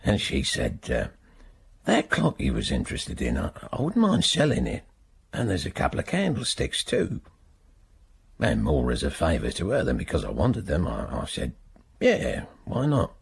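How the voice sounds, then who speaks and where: A man's voice: very deep voice, wildly swooping pitch, moderate pace, creaky, husky, exaggerated voice. An actor playing a resentful middle-aged man just freed from prison, grumbling at the guards in a radio drama. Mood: recounting.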